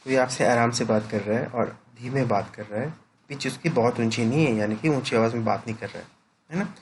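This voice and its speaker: A man's voice: mid-range voice, fairly quick, slight background noise. Hindi teacher man, explanatory lecture. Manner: explanatory, peppers sentences with "right?" tag questions. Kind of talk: classroom lecture.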